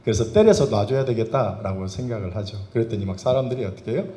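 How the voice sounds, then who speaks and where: A man's voice: fairly low pitch, lively intonation, fast talker, mellow. A male pastor preaching a Sunday sermon, firing rhetorical questions at the congregation with emphatic bursts. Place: church sanctuary. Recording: roomy church reverb.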